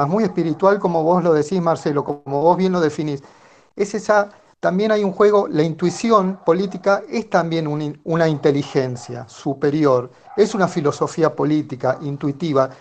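Argentine guy calling in on a phone, kinda high voice, slow to find his words, reflective. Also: a little mellow, a little hiss or hum. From Tucumán, Argentina. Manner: hesitant, halting with restarts, reflective. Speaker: caller. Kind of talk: casual call-in comment.

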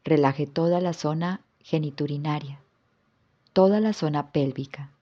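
A woman yoga instructor guiding a yoga nidra relaxation with soft, calm instructions. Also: deep voice, measured pace, muffled recording.

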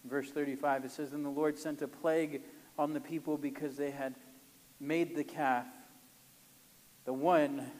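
A man preaches with dramatic emphasis, lingering on scripture and breaking into light chuckles. His voice sits a bit high for a man. The sound carries a long reverb, as if in a large hall. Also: flat delivery, measured pace, pauses often, a little mellow. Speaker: pastor. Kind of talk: sermon with scripture reading.

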